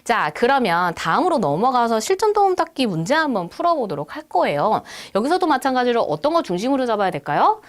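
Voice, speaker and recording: A woman lecturing in a bright, fairly high voice that jumps up and down a lot. She walks through each point step by step and acts out sample answers in a lively way. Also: fast, few pauses. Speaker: English test instructor. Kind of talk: recorded lecture.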